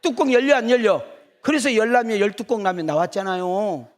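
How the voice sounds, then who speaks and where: A middle-aged man preaches in a church with a high-pitched voice. He teases his congregation and throws out rhetorical either-or questions. He keeps the listeners engaged with banter. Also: brisk. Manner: teasing, rhetorical back-and-forth questions. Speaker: senior pastor. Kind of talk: sermon.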